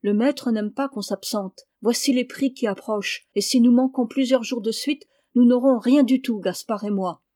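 A woman reading the part of a kind, earnest peasant boy who speaks gently and respectfully. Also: fairly high pitch, moderate pace, hardly any pauses, no room sound, studio quality, lightly acted.

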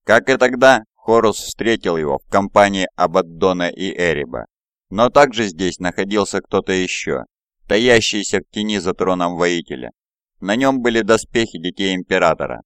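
A man narrating an audiobook in an even, measured reading. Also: sits low, smooth, dry recording, studio quality. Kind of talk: scripted narration.

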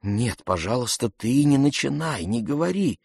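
A man voicing a weary, sluggish nobleman who speaks quietly, pleading and sighing. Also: medium pitch, animated, moderate pace, vocal fry, husky, dry recording. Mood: hushed. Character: weary, sluggish male nobleman, hushed and sad.

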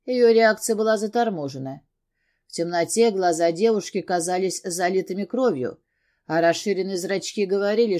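A woman narrating an audiobook in the first person. Her reading is even and steady, at a middle pitch for a woman.

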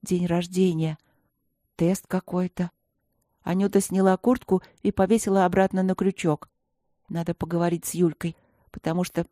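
A woman's voice: on the low side, mellow, dry recording, studio quality. Woman narrating a storybook. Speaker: audiobook narrator.

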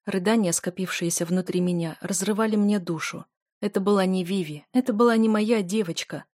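A woman's voice: medium pitch, brisk, a little mellow, no echo, studio quality. A woman narrating an audiobook in the first person, reading with emotion.

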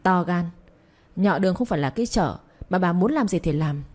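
A woman's voice: on the low side, expressive, a little fast, a little mellow. A woman reading the part of a young master who sternly interrogates a servant. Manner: cold, commanding questioning.

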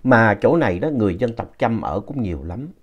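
Low-pitched man telling a ghost story. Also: very animated, fairly quick, slightly rough, muffled recording. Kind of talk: spoken ghost story narration.

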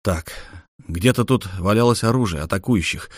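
A man reading an audiobook, voicing a tough male investigator who talks gruffly and swears. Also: on the low side, moderate pace, no echo, clean studio sound, close to an everyday voice.

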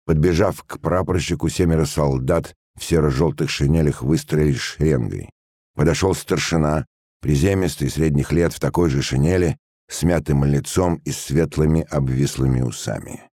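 A man reading a story aloud in a steady, measured way. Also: very deep voice, no room sound, clean studio sound. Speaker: narrator. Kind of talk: audiobook narration.

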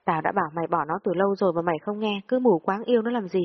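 A woman's voice: mid-range voice, rapid-fire, close to an everyday voice. A woman voicing a furious, foul-mouthed older female friend who scolds and swears at a younger girl in a storybook reading. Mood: exasperated. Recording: dull lo-fi audio with long reverb.

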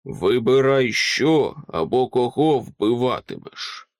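A man voicing the ghost of a stern father, in a hushed whispered role-play for an audiobook. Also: medium pitch, expressive, slow.

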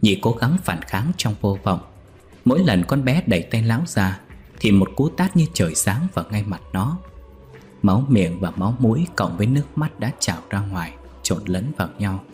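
Low-voiced male storyteller reading a ghost story steadily over faint music. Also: very animated, moderate pace, a little mellow. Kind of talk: scripted ghost story narration.

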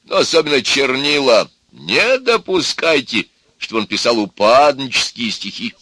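A man voicing a stern, excitable old grandfather who lectures and exclaims. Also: medium pitch, moderate pace, husky, no echo, pitched above the performer's own voice, heavily acted.

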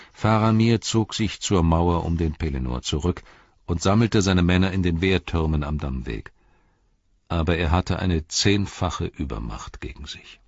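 Deep, husky male audiobook narrator. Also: dry recording. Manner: steady, measured storytelling. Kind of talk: scripted narration. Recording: dull, slightly lo-fi dry recording.

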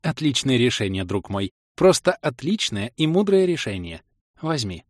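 A man's voice: medium pitch, big pitch swings, no echo, studio quality. A man voicing a stern, dignified grey-haired female gnome librarian who speaks formally and loftily. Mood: formal, conspiratorial. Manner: formal, measured, lofty speech.

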